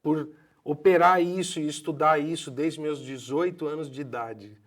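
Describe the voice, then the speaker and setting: A man in his fifties with a Brazilian accent, a voice doctor speaking in an expressive, emphatic way. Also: fairly high pitch, normal speed. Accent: Brazilian Portuguese. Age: 50s. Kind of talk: passionate promotional talk.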